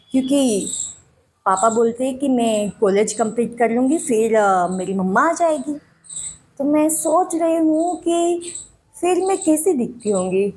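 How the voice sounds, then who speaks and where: A little girl pleads with her father for her missing mother in a dramatic monologue, played by a woman at an audition. Her voice sits high and she talks slowly, repeating herself like a child. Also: darkish tone, slight background noise. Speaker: actress auditioning.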